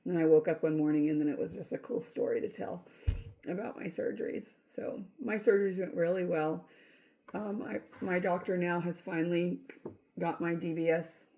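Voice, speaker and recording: A woman's voice: on the low side, steady tone, moderate pace, creaky, mellow. Chatty woman telling stories, laughing. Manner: chatty, laughs often, many fillers and restarts. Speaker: vlogger telling her own surgery story. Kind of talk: casual storytelling.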